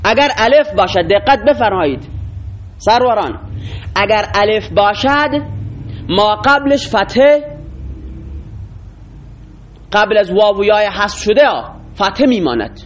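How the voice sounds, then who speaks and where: A man's voice: high voice, big pitch swings, slight background noise. A man teaching a classroom lecture, explaining rules and quizzing his students with frequent questions.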